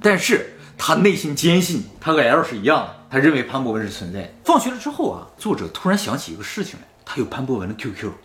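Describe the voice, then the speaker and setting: Lively fast-talking man telling a story. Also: medium pitch, roomy sound. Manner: animated, acts out quoted lines. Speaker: storyteller host. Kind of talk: casual storytelling chat.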